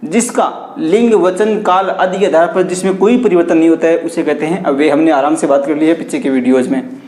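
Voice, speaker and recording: A male teacher giving an online grammar lesson, repeating key terms as questions to the class and dropping his pitch on each stressed term. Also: steady tone, brisk, a little mellow, echoey room. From India.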